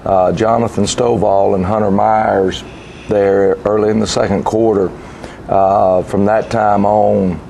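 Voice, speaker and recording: A man speaking as a football coach, giving halting, deliberate unscripted game commentary. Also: on the low side, level tone, vocal fry, warm tone, a little hiss or hum.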